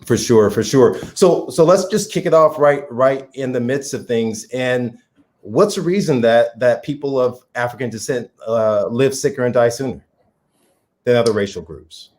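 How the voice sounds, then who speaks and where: His voice sits at medium pitch with a darkish tone and normal speed. He's a co-host on an interview show, chatting casually with enthusiasm and easy laughter.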